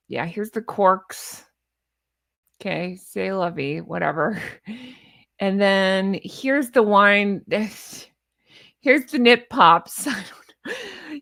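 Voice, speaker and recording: A woman with a medium-pitched, fairly bright voice hosts a commentary show, riffing unscripted on social media posts in a chatty, rambling, sarcastic, mocking and exasperated manner. She often breaks off to laugh at her own jokes, and the studio-quality audio has no room sound.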